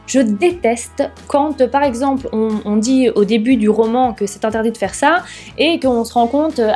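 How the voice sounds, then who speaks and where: Young woman, book vlogger, casual review, chatty, candid, mellow tone, faint music behind. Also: a little high. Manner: chatty, candid, with frequent fillers.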